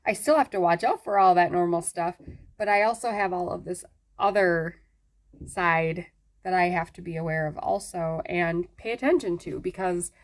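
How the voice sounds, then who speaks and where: A woman talking casually to viewers in a health update, weakened after surgery, halting and searching for words with long pauses. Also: on the low side. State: weakened after surgery, struggling to form sentences. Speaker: vlogger giving a health update.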